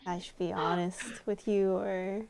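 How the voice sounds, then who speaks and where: A woman's voice: fairly low pitch, level tone, measured pace, gravelly, a little mellow, faint music behind. A woman streamer voicing a tipsy, clingy young woman in a visual novel, with a slurred drunk drawl. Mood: drunk affectionate. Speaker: game streamer. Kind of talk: reading a visual novel role aloud.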